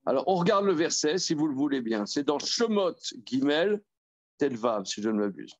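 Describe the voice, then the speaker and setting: Higher-voiced rabbi teaching, halting. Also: male voice, big pitch swings, no room sound, lo-fi sound. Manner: halting, repeats words, reads verses aloud and then explains. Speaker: rabbi teaching a Torah class. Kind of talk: Talmud study lesson.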